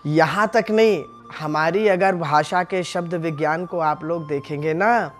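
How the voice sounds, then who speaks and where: Male spiritual teacher, unhurried discourse, rhetorical questions to the crowd, soft music in the background. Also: on the high side. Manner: explains Hindi sounds by voicing each syllable; addresses the audience as friends, asks rhetorical questions. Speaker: religious teacher. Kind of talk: devotional discourse.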